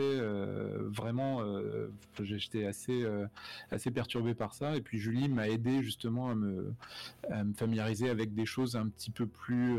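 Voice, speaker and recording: A man's voice: on the low side, darkish tone. A man talking casually as a guest about his career, hesitant with many fillers and restarts. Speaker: guest, animation director. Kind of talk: casual conversational interview.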